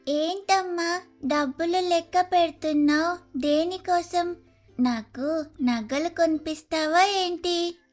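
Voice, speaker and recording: This is a timid little female sparrow chick from a cartoon story, voiced by a woman. The voice sits very high and moves slowly, with a pleading quality. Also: soft background music. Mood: curious.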